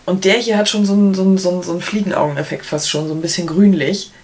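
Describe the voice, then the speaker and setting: A woman's voice: lowish voice, fairly even intonation, very fast, darkish tone. A woman in her thirties chatting casually to camera in a product review, with playful colloquial asides. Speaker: beauty vlogger. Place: small room at home, indoors. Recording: clear background noise, clicks.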